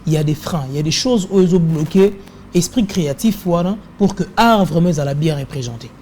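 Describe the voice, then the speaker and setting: A woman host with a Congolese French accent and a lowish, mellow voice. She puts probing questions in a mix of French and Lingala, over a faint hiss of background noise. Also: fairly quick. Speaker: arts show host. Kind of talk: interview questions.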